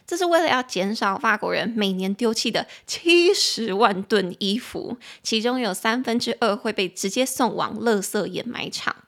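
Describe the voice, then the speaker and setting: A young adult woman hosting a podcast, explaining English in Mandarin and reading English sentences slowly and clearly. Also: mid-range voice, expressive, a bit bright. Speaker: podcast host and English teacher. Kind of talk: casual teaching podcast.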